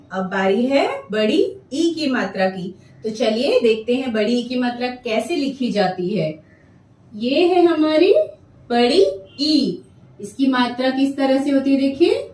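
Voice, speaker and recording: Echoey woman teacher, slow and clear. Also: fairly high pitch, darkish tone, recorded from a distance. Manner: slow, drawn-out sounding of syllables. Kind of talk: children's lesson.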